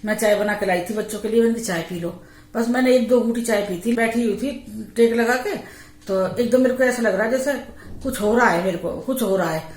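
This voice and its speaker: Middle-aged woman, fairly high voice, casual storytelling, animated, echoey home room. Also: fairly quick. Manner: animated, acts out quoted family voices. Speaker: vlogger telling a true haunted story.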